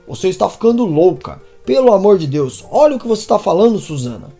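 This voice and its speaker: A woman's voice: medium pitch, very animated, quick pace, gravelly, dark tone, soft background music. A woman reading an exasperated jealous husband. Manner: exasperated, scolding. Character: angry jealous husband, a grown man.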